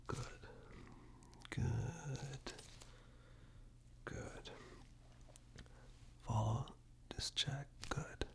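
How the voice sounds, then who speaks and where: A medium-pitched man whispers an ASMR roleplay very close to a binaural microphone. He is gentle, reassuring, and unhurried.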